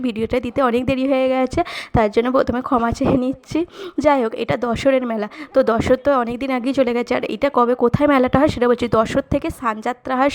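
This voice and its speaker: Young Bengali woman vlogger, fast and friendly, slightly high voice, speaks directly to viewers. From West Bengal, India. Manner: chatty, quick, addresses viewers directly. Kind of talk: casual vlog narration. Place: outdoors at a village fair at night.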